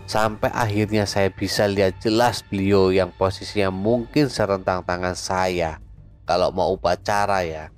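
Low-voiced man telling a horror story. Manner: chatty, addresses listeners directly. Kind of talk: casual horror podcast storytelling.

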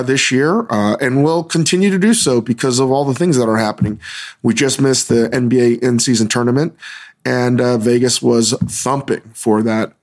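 A hungover man hosting a podcast, talking in a casual, rambling monologue with a halting, musing delivery. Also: medium pitch. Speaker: podcast host.

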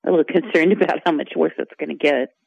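A woman's voice: low voice, steady tone, fast talker, vocal fry, a little mellow, husky, no room sound. A woman in her sixties calling in to a radio show by phone, chatting casually with the host. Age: 60s. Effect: phone caller heard on a radio show. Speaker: caller. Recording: dull lo-fi phone line, dry.

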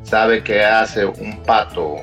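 A man telling a riddle joke in a deadpan voice message. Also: fairly low pitch, takes it slowly, soft background music.

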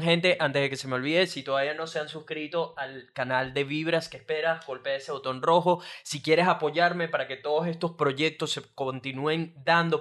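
A man with a Venezuelan accent hosting a casual podcast interview, chatting loosely and full of slang fillers. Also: on the high side. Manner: relaxed slangy banter, frequent filler "marico". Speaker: podcast host.

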